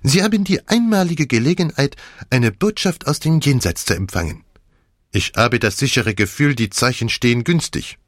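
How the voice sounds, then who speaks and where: A man's voice: medium pitch, lively intonation, moderate pace, no echo, studio quality, pitched above the performer's own voice, natural voice. A man voicing a fussy, theatrical older male detective in an audiobook, speaking in a prim, coaxing way. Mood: eager. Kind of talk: audiobook character voice.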